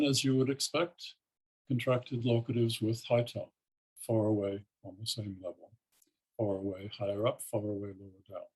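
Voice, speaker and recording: An older man gives a keynote lecture in a husky voice, explaining each point in a measured way. He stops often with ums, and his pitch sits in the middle range. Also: poor audio. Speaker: keynote speaker, linguistics professor. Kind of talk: academic lecture.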